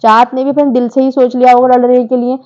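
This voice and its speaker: A woman's voice: sits high, flat delivery, fast talker, highs cut off. A woman giving a chatty, opinionated recap of a reality show, talking straight to her viewers. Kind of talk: casual recap commentary.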